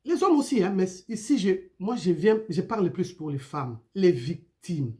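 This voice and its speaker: A woman giving an informal video sermon, animated and full of rhetorical questions. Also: lowish voice, moderate pace. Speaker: preacher.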